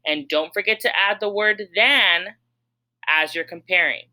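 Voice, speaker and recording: A woman's voice: lowish voice, measured pace, sharp tone, poor audio. A woman teacher explaining a grammar lesson patiently, step by step, asking her students questions as she goes. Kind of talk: recorded classroom lesson.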